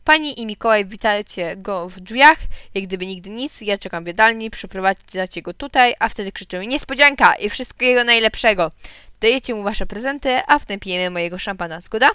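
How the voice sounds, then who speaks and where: A woman's voice: medium pitch, lively intonation, a little fast, pushed and bright, clear, resonant tone, no echo. A woman voicing an irritable, pompous middle-aged neighbor man in a storybook reading, in a fussy, bossy manner.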